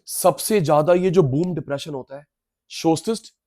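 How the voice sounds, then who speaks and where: High-voiced male teacher drilling terms. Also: normal speed, warm tone. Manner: drills terms by repetition, addresses students directly; playful, mixes in jokes and skits. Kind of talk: classroom lecture.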